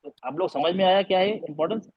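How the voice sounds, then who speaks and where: A man's voice: high voice, crowd noise. A man teaching an online recitation class on a video call, sounding out letters again and again and quizzing his students. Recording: dull lo-fi online call audio.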